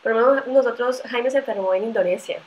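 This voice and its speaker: A woman's voice: fairly high pitch, fast, poor audio. A woman hosting a casual conversation, speaking in a reassuring way. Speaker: host.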